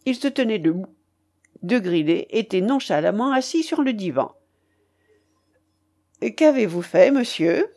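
In a measured, expressive storytelling style, a medium-pitched woman reads a literary audiobook aloud.

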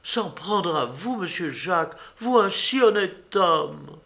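A man voicing an excitable older female cook who gossips breathlessly, her lines jumping high and loud. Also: slow, creaky, exaggerated voice. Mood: flustered. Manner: shrill, flustered outbursts. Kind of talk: audiobook character reading.

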